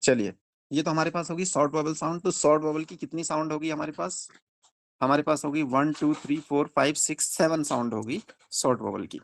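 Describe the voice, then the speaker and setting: A man's voice: fairly high pitch, steady tone, brisk, creaky, no echo. A young man teaching a phonics lesson in a classroom, explaining step by step and asking the class questions.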